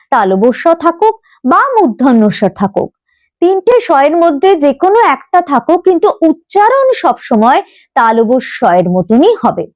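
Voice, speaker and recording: Female teacher, high voice with lots of swing, explains a language rule and answers her own questions. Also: dry recording, studio quality. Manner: animated, questioning, stresses words. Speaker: Bengali pronunciation teacher. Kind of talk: spoken lesson to camera.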